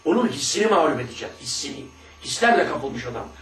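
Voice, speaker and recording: A man reading a religious text slowly and with emphasis, then dropping into quiet, chatty asides as he explains it. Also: on the high side, big pitch swings, a little hiss or hum. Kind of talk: reading a text aloud and commenting on it. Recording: echoey room, far from the mic, faint ambience.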